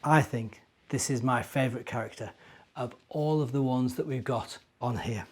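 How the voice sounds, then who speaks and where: This middle-aged minister with a British accent speaks in a mid-range voice at a moderate pace. He tells stories to young children in a chatty manner, explaining things simply and asking them questions.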